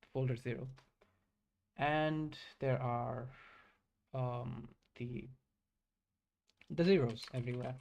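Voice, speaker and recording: A man talks through his code on a live stream. His voice sits at a middling pitch. He halts often, restarts phrases and fills gaps with ums as he works things out. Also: darkish tone. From Bangladesh. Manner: halting, self-correcting, many fillers. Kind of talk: live coding stream, thinking aloud.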